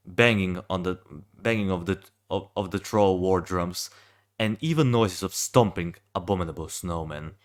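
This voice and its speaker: Just-woke-up young guy reading a game backstory, deep voice, keeps tripping over words. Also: a bit bright. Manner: stumbling, restarting often, mumbled asides. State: just woken up. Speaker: game fan reviewing a hero design. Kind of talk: reading a fan-made backstory aloud.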